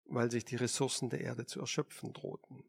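A man voicing a calm, unyielding machine intelligence. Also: mid-range voice, vocal fry. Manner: measured, quietly firm. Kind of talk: audiobook character reading.

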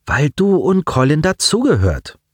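A man voicing a calm, clever, self-assured teenage girl in an audiobook, raising his voice for her. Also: a little high, normal speed, husky, dry recording, studio quality, pitched above the performer's own voice. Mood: plain.

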